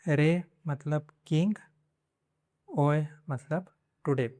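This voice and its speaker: Slow, deliberate Hindi-speaking language teacher. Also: male voice, fairly high pitch, darkish tone, no echo. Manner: slow, repeats example words several times. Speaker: Spanish teacher.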